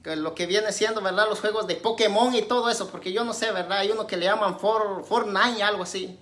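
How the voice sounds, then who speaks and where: A woman preacher giving a conversational sermon, constantly checking in with her listeners and alternating loud emphatic questions with quiet asides. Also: fairly quick. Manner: conversational, tags nearly every phrase with a questioning aside; swings between raised emphatic questions and low asides.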